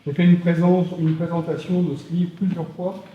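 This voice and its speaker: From the floor of a public discussion, a man with a fairly high, flat-sounding voice rambles through a long question at a moderate pace, stumbling over many fillers. The room sounds dull and echoey, with a little hiss or hum.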